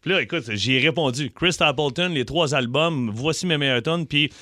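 A man with a Québécois accent hosting a morning radio show, telling stories in an excited, repetitive, chatty way. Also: fairly high pitch, no echo, clean studio sound. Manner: fast, excited storyteller, repeats himself. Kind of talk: casual morning radio banter. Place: radio studio.

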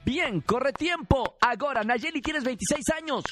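A man's voice: very high voice, lively intonation, normal speed, fairly bright tone, soft background music. A man with a Mexican accent hosting a call-in radio giveaway, playful and teasing. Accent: Mexican Spanish. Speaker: radio host.

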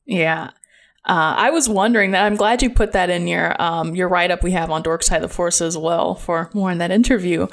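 A woman's voice: on the low side, fairly even intonation, a little fast. Chatty woman podcast host. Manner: chatty, laughs easily. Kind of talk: casual chat.

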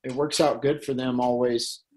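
A man's voice: mid-range voice, steady tone, moderate pace, a little mellow, a little hiss or hum. A man with a Tennessee accent chatting casually as an interview guest, in a laid-back, colloquial way. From Tennessee, United States. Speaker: guest, professional fighter.

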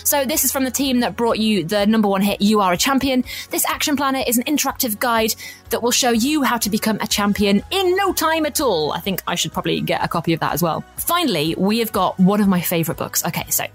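A woman's voice: medium pitch, quick pace, soft background music. A woman hosting a show, presenting book recommendations in an enthusiastic, chatty way.

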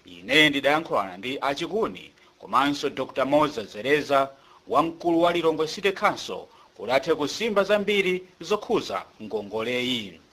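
A man's voice: medium pitch, big pitch swings, normal speed, a bit bright. A man with a Malawian accent delivering a scripted news report as a reporter.

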